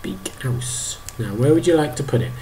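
A man in his thirties narrating a video game to his toddler, animated, exclaiming and making playful sound effects. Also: fairly high pitch, racing, noisy background. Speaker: parent playing a video game.

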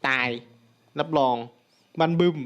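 A young man giving casual gameplay commentary, excitable, breaking into loud exclamations and talking to viewers. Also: a little slow, a little hiss or hum.

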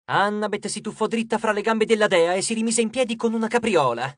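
High-voiced male audiobook narrator. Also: brisk, no echo, clean studio sound. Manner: steady, expressive storytelling. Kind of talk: scripted narration.

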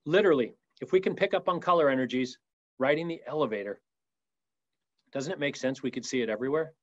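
A man presenting a business training webinar in a lively, emphatic way, now and then acting out sample voicemails. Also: mid-range voice, quick pace, no room sound, lo-fi sound. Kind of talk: energetic business training talk. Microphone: video call mic.

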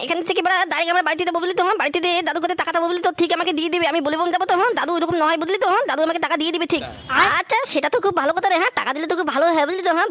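A woman voices rowdy cartoon lads in crude, slangy banter, tacking a quick question onto nearly every line. Her voice is very high and races along. The recording is dry and close. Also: a bit bright, no room sound. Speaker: cartoon voice artist.

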